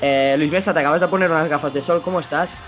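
A man's voice: on the high side, steady tone, very fast, a bit bright, faint music behind. A man hosting a casual podcast over a video call, greeting his co-hosts and teasing them. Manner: jokey, teasing. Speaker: podcast host.

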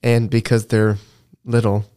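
A man's voice: fairly low pitch, flat delivery, a little slow, mellow, clear, resonant tone. A man co-hosting a podcast, teasing and easygoing in casual chat. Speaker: podcast co-host.

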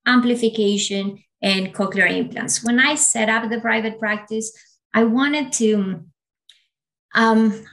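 A woman's voice: on the high side, a bit bright, low-quality recording. A woman in her forties from Ecuador, a native Spanish speaker, explaining her work as an audiologist in an interview with fillers and restarts. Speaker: audiologist guest.

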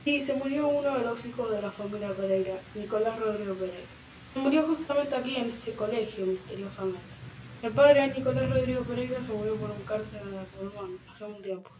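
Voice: medium pitch, fairly quick, a little mellow, close to an everyday voice. A reader voicing a naive, friendly schoolboy who answers questions plainly and obligingly. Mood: matter-of-fact. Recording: roomy, from far off, faint noise.

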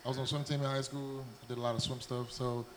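A man's voice: mid-range voice, flat delivery, fast, slight background noise. A man from New Jersey with an American accent, chatting casually as a guest on a talk show. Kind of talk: casual chat.

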